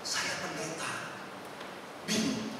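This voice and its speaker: A male pastor preaching a sermon and telling a story dramatically, swinging from soft talk to loud acted quotes. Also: slow pace, slight background noise. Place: large echoey church hall. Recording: roomy hall reverb from far off.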